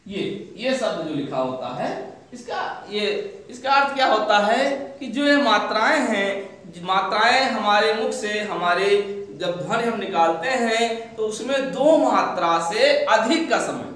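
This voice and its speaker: High-voiced male teacher in an echoey room. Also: animated, a little slow, fairly bright tone. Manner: asks questions and answers them himself. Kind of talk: grammar lesson.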